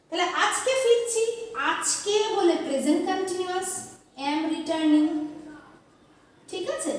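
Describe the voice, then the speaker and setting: A woman teacher giving an exam-prep grammar lesson, dictating examples slowly and answering her own questions. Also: extremely high pitch, fairly bright tone. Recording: echoey room, voice from a distance.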